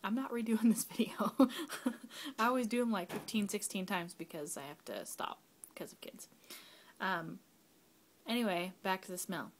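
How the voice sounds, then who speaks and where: A woman's voice: mid-range voice, moderate pace. A young woman, a mother at home, chatting casually through a candle review, rambling with fillers and sometimes dropping to a whisper. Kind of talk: casual product review vlog. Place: home, kids nearby.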